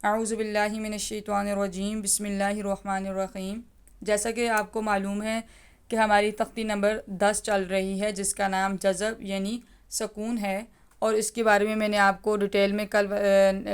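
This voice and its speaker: Crisp-voiced woman teaching recitation. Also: mid-range voice, level tone. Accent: Pakistani Urdu. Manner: slow, emphatic syllable drills with patient explanations. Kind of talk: step-by-step lesson, drilling syllables.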